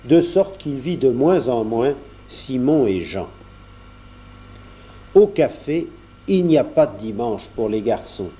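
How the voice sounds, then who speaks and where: A man reading a novel aloud as narrator, in a measured storytelling manner. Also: medium pitch, very animated, warm tone. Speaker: audiobook narrator. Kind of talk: scripted narration.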